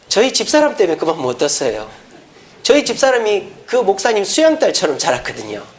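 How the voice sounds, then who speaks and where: A middle-aged man and senior pastor preaching a sermon, animated and putting rhetorical questions to his congregation. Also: fairly high pitch, a little hiss or hum.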